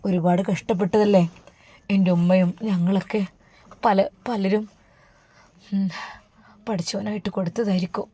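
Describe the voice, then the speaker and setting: A woman with a Malappuram accent voicing a gentle, grieving young groom who speaks softly and quietly. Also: medium pitch, steady tone, a little slow, long pauses, slightly rough. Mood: sorrowful. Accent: Malappuram Malayalam. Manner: soft, subdued, tearful.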